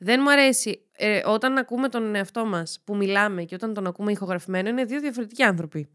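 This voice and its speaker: A woman co-hosting a podcast, congested and hoarse from a cold, giggling and tripping over her words in casual chat. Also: mid-range voice, a bit bright. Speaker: podcast co-host. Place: small studio.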